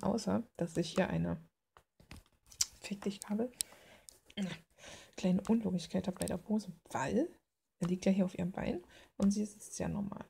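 Talking over a drawing she has finished, a woman who makes videos about her art chats in a loose, rambling, self-deprecating way. She has a mid-range, creaky, warm voice, and faint background noise with clicks can be heard.

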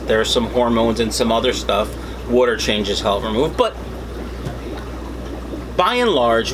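A middle-aged man hosting a debunking vlog in a casual, opinionated way, explaining informally to the camera. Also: medium pitch. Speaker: host of a fishkeeping channel. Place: small indoor fish room full of tanks. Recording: steady background hum and noise.

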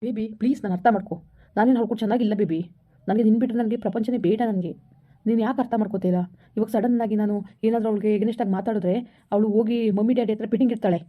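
A woman playing Arun, a smooth-talking two-timer. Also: medium pitch, steady tone, racing, phone-quality sound, lightly acted. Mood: coaxing. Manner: coaxing, placating. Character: young married man, smooth-talking deceitful lover.

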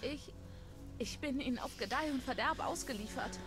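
A fearful, pleading runaway slave woman in a dubbed video game, acted by a woman. Her voice sits on the high side, with faint music running behind it. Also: moderate pace, close to an everyday voice.

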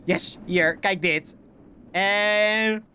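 With faint music in the background, this young gaming streamer gives casual live commentary in a Dutch accent. He has a high, sharp yet clean voice and draws out his words. He sounds bouncy and giggly, though his throat is sore.

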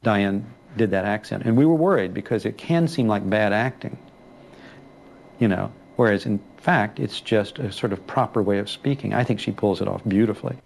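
A man's voice: lowish voice, normal speed, creaky, darkish tone, slight background noise. A man speaking reflectively in a documentary interview about making a film. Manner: reflective, conversational.

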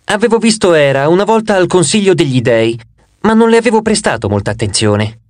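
A man narrating a fantasy audiobook in an expressive, vivid storytelling manner. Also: high-pitched, brisk, no echo. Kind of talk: scripted narration.

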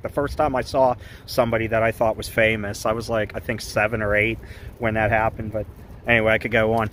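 A man's voice: mid-range voice, a bit bright, a little hiss or hum, low-quality recording. Upbeat, rambling man vlogging. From Pittsburgh area, Pennsylvania. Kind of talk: casual chat.

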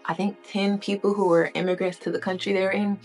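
A woman's voice: mid-range voice, flat delivery, quick pace, darkish tone, faint music behind. A woman hosting a commentary channel, retelling a story in a chatty, casual way and using "like" and "y'all" a lot. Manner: chatty, uses "like" and "y'all" often.

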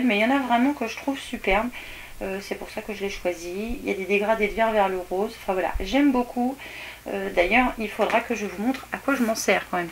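The recording quality is low, with slight background noise, as a haul vlogger presents her purchases in a casual show-and-tell. She's a woman in her thirties from France, sitting in a small indoor bedroom, and her medium-pitched voice has a fairly bright tone. She sounds enthusiastic but hesitant, with many fillers.

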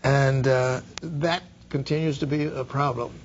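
An older man from the Bahamas interviewing a guest in a TV studio, halting, with many repeated words and fillers. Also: mid-range voice, steady tone, lo-fi sound, a little hiss or hum. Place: dark TV studio. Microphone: lapel mic.

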